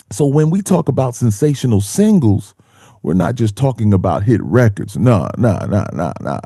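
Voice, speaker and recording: A man with a deep, mellow voice hosts a music show in scripted commentary. He talks slowly and lets his pitch rise and fall freely, dropping laid-back slang and stretching out the phrases he wants to stress. The sound is dry and close, with no room around it. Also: big pitch swings, no room sound.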